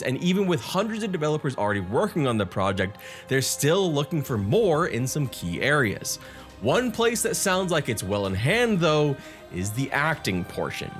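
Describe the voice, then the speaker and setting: A man hosting a casual gaming news video, enthusiastic with self-deprecating asides. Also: mid-range voice.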